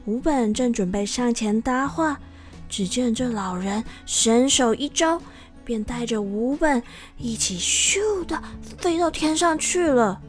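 A woman with a Taiwanese Mandarin accent narrating a folk tale for children in a lively, expressive way. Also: fairly high pitch, slow pace, soft background music. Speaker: storyteller.

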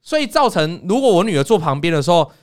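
A man hosting a casual chat, telling stories in an animated way and acting out scenes. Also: high voice, fast. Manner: animated storyteller, acts out scenes. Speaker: podcast host.

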